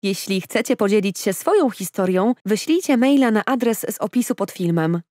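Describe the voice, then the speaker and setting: A woman's voice: mid-range voice, animated, normal speed, warm tone, no room sound, studio quality. A young adult woman narrating a scripted first-person story in an earnest, confessional tone.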